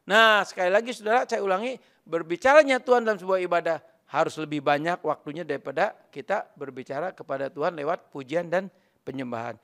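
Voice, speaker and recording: A man's voice: fairly high pitch, fast talker, a bit bright. A male pastor preaching a sermon, emphatic and repetitive, often turning to address the congregation directly.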